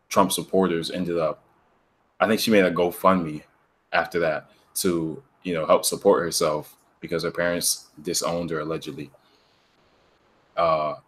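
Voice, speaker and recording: A man hosting a casual discussion podcast, telling a story in a laid-back way and laughing as he goes. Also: low voice. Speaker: podcast host.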